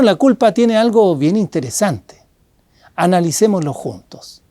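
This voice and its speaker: A man with a Chilean Spanish accent preaching a sermon as pastor, animated and acting out a guard who shouts warnings. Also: sits high, no echo.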